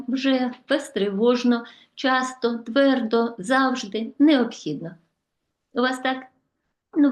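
Lively-voiced woman teaching a lesson. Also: on the high side, echoey room. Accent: Ukrainian. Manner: warm, addresses pupils as children, slow deliberate listing. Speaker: Ukrainian language teacher. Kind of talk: video lesson for schoolchildren.

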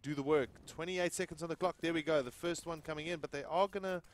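A man from South Africa giving excitable play-by-play commentary on an esports match, rising loudly on big plays. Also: quick pace. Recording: low-quality stream audio.

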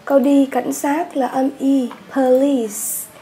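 A Vietnamese woman walks students through an English workbook in a high, mellow voice. She speaks patiently and says words over slowly for her class. A faint noise sits behind her. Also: fairly even intonation. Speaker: English teacher. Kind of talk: workbook lesson walkthrough.

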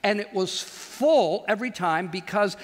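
Wearing a headset mic, an older man gives a chapel sermon in a large auditorium, gesturing with animation and easing into emphatic pauses. His high-pitched voice trails off into a long reverb.

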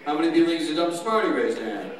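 A man in his fifties, a ventriloquist playing the halting, playful straight man in a live family comedy act. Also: fairly high pitch, big pitch swings. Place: theatre stage, microphone on stand. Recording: echoey theatre, distant, crowd behind.

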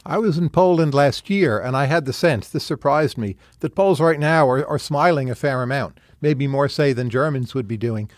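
A man's voice: mid-range voice, moderate pace, few pauses, dry recording, clean studio sound. A man hosting an interview podcast, laying out his observations and then asking curious, probing questions. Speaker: podcast host.

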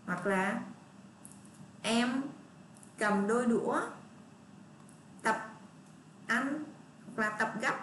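A woman teacher leads young children through a reading lesson, slow and patient, saying each word again and again. Her voice sits a little away from the microphone. The room is echoey, with a faint hiss behind her. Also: a little high, fairly bright tone, far from the mic. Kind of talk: online first-grade lesson.

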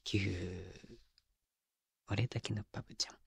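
This one is a full character voice: a man as a doting boyfriend fussing over his worn-out, clingy girlfriend, speaking straight to the listener in intimate ASMR roleplay on a close binaural microphone. The mid-low voice is gravelly yet fairly bright with a breathy edge, at normal speed and fairly even intonation, in a dry recording. He teases and babies her casually with some baby talk, his mood doting and affectionate.

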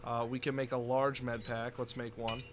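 A man hosting a let's play, commentating with excitable, joking, swear-filled chatter. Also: medium pitch, moderate pace. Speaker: gaming channel host. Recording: loud game noise behind. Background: game sounds.

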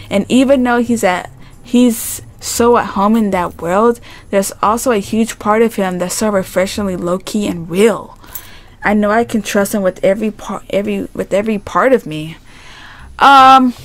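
A chatty woman reads a romance story game aloud and gushes over it. She giggles often and talks to her viewers in a casual, excited way. Her voice sits in a middle range. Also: mid-range voice. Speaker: gaming YouTuber.

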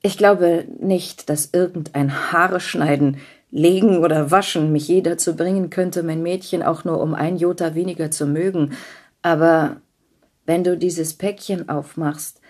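A woman voicing a stunned young husband who speaks slowly and earnestly in an audiobook reading. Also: fairly low pitch, fairly even intonation, darkish tone, breathy edge. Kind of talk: audiobook character voice.

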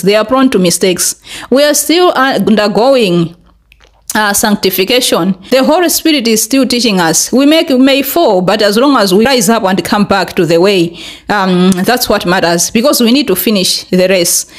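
A young woman from Malawi speaks earnestly into a desk mic in a small bright room. She talks in casual commentary, fills pauses with "uh" and "um", and climbs higher when she stresses a point. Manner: earnest, many fillers, rises in pitch when pressing a point. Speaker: vlogger. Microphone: desk podcast mic in front.

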